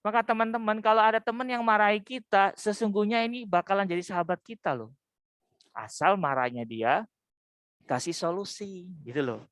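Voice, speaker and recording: A middle-aged man, giving a lively, humorous sermon with folksy asides. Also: high-pitched, moderate pace, no echo, studio quality. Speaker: Buddhist Dhamma speaker.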